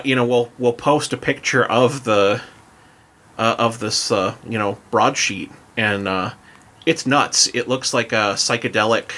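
A man's voice: lowish voice, pushed and bright. A man hosting a casual podcast chat, laid-back and self-mocking, who trips over words as he reads. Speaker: podcast host. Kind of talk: casual chat, reading aloud.

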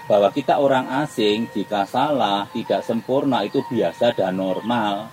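A middle-aged man from Java with a Javanese accent, a guest interpreter speaking in an emphatic, animated casual interview. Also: fairly low pitch, normal speed, slight background noise, poor audio. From Java, Indonesia.

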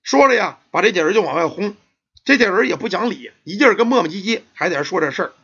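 Animated storyteller. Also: male voice, high voice, fast, breathy edge. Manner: animated, colloquial. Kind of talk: oral folk tale storytelling. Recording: dull lo-fi recording.

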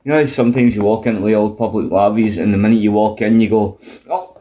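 A man's voice: on the low side, fairly even intonation, quick pace, mellow. A man with a broad Scottish accent chatting casually and telling stories in a coarse, sweary, colloquial way. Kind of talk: casual chat, animated storytelling.

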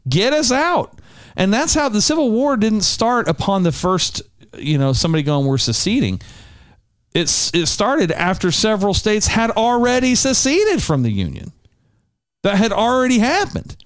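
A man's voice: high-pitched, very animated, moderate pace, clear, resonant tone, no echo, studio quality. A man co-hosting a talk show, earnestly rambling through political opinions with frequent restarts. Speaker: co-host.

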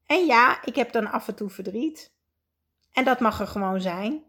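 A woman's voice: on the high side, lively intonation, moderate pace, a bit bright, slightly rough. A woman coach talking earnestly in a live session, reflective and hesitating at times. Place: indoors at home.

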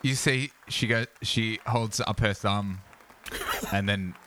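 A man narrating a tabletop game as game master, animated and full of fillers. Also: lowish voice, slow pace, a little hiss or hum.

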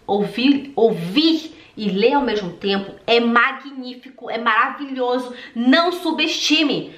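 A woman, a German teacher giving a casual video lesson and repeating drill words slowly and emphatically. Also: on the high side, a bit bright. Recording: echoey room.

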